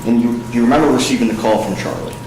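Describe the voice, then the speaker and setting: A man questioning a witness as an attorney, in a halting, deliberate courtroom manner. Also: mid-range voice, steady tone. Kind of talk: courtroom examination. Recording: echoey courtroom with clear background noise.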